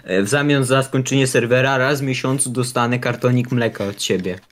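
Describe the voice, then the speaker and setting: A man's voice: medium pitch, steady tone, brisk, slight background noise. A man co-hosting a casual podcast, ribbing his friend with mock-boastful teasing. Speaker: podcast co-host.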